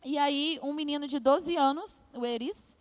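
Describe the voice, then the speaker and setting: A woman's voice: sits high, normal speed. A woman from Brazil with a Brazilian Portuguese accent, giving a church testimony as a missionary, earnest, with many tag fillers.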